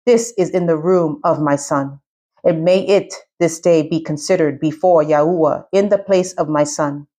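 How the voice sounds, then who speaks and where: Woman reading a devout old patriarch, solemn, slow, plain voice. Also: deep voice, mellow. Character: devoted old patriarch making an offering.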